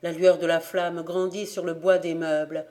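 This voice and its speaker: In a fairly low-pitched voice, a volunteer woman narrates a classic novel as an audiobook, reading in a steady and measured literary manner.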